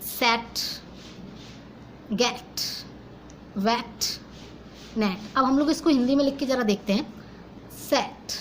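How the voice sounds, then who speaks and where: Young female teacher, Indian English accent, slightly high pitch, patient step-by-step explainer; light background noise. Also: slow, long pauses, poor audio. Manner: explains step by step, asks and answers own questions; mixes Hindi and English. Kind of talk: phonetics lesson.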